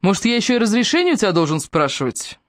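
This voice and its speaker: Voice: mid-range voice, big pitch swings, racing, no room sound, clean studio sound, voice pushed up, close to an everyday voice. A reader voicing a furious, crude, possessive man. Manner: coarse, threatening, swearing.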